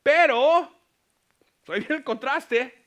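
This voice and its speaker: A man's voice: very high voice, slow pace. A man preaching as pastor, teaching a Bible passage and dropping English words into his Spanish. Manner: animated, mixes English words into Spanish, acts out Paul's lines. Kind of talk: bilingual Bible teaching sermon. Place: US church.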